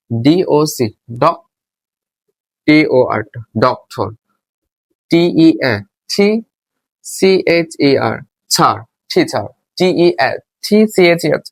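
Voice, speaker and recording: A man's voice: on the high side, dry recording. Man drilling a lesson, spelling words aloud. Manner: repetitive, asks and answers his own questions. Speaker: English teacher. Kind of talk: spoken classroom lesson.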